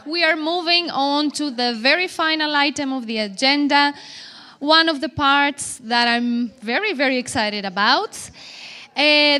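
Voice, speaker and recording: A woman's voice: high-pitched, bright, forceful tone. A woman moderating a conference workshop on stage, friendly and upbeat, with a few fillers and restarts.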